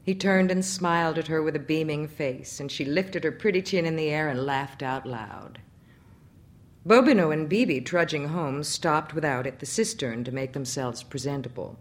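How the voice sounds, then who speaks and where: A woman narrating a literary short story aloud in a measured, expressive reading. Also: low voice.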